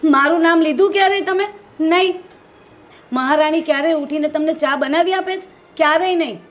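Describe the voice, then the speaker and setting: An actress playing a hardworking, resentful daughter-in-law who complains constantly, with a Gujarati accent. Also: female voice, sits high, fairly quick, natural voice. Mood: aggrieved. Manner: complaining, aggrieved.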